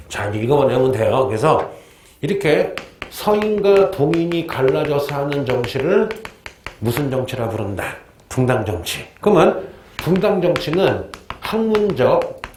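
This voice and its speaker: A male history teacher giving a lively lecture, often quizzing his students with questions. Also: fairly high pitch, echoey room, slight background noise.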